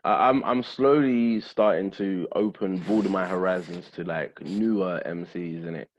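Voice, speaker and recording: A man's voice: low voice, normal speed, highs cut off. A man chatting casually and in slang as a podcast host about music. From Essex, England. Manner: slangy, informal.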